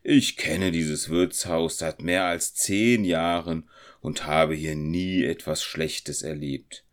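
A man voicing a calm, steady carter in a storybook reading, speaking slowly and reassuringly. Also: a bass voice. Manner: slow, reassuring.

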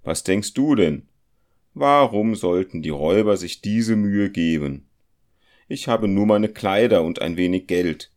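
A man's voice: on the low side, lively intonation, measured pace, a little mellow, voice pushed up. A practical, unflappable craftsman talks his nervous friend down, as a man reading a story puts him on. His voice is firm, slightly raised and matter-of-fact. He sounds reassuring and mildly dismissive, in the manner of a storybook. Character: calm, practical male compass-smith traveller.

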